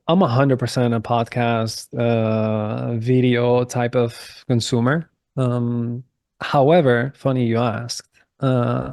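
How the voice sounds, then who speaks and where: A man in his thirties, a podcast guest, speaking at a middle pitch with a gravelly texture and little melodic movement. He is candid and halting, often repeating words as he starts a thought, and the recording is close and dry. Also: a little mellow, no room sound. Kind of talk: casual conversational interview.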